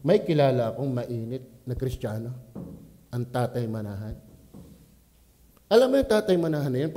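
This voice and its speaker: A Filipino man with a Batangas accent and a mid-range voice preaches as a pastor at a church prayer meeting. He swings between quiet asides and loud exclamations.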